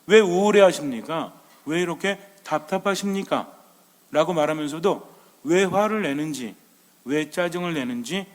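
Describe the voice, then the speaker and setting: Male priest, sermon, talks casually, asks questions, somewhat high voice, long reverb. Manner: conversational, asks the audience rhetorical questions.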